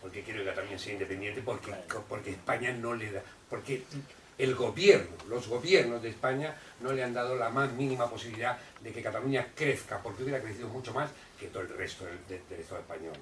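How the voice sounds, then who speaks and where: A man's voice: mid-range voice, quick pace. Older man speaking with emphatic repetition. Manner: emphatic, repeats himself, restarts. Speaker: speaker at a neighborhood meeting. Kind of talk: impassioned public talk. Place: neighborhood association hall. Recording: roomy echo, distant mic, faint noise.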